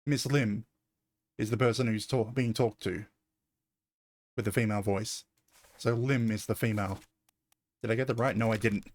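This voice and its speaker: A man's voice: on the low side, fairly even intonation, normal speed, pauses often. A man streaming a mystery game, thinking aloud in a hesitant, self-correcting way. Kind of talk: casual gameplay commentary.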